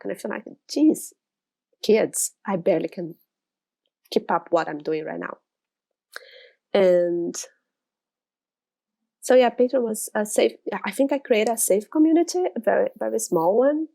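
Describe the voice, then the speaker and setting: A Portuguese-speaking Brazilian woman in her thirties vlogs about illustration from her studio, speaking English as a second language in a casual, rambling way full of restarts. Her voice is medium in pitch, gravelly and dark.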